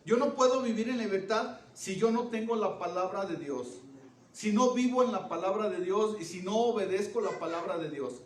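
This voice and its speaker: Male preacher, high pitch, sermon with frequent questions to the congregation, loud-to-hushed dynamics; distant mic, roomy church echo. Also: normal speed. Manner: questions the congregation often, checking with "¿Ok?"; swings from loud emphasis to hushed low phrases. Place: church hall. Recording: echoey church room, voice from a distance, faint background noise.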